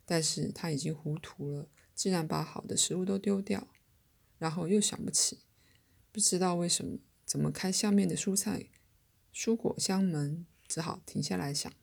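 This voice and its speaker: A woman reading a story aloud as narrator, in a steady, measured storytelling manner. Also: fairly low pitch, creaky. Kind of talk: audiobook narration.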